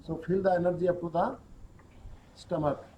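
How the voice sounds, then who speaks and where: A man leading a guided yoga nidra relaxation as a yoga teacher, giving calm, slow instructions and mixing in English words. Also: on the high side, dull audio, slight background noise.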